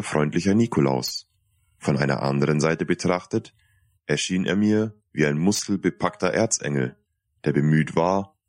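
Male audiobook narrator, very low voice, reflective, dry close recording. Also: no room sound. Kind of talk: first-person audiobook narration.

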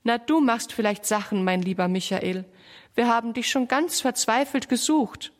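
A woman's voice: on the high side, normal speed, in a large hall, natural voice. A woman voicing a loving aunt who soothes a small child. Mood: relieved. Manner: fond, soothing.

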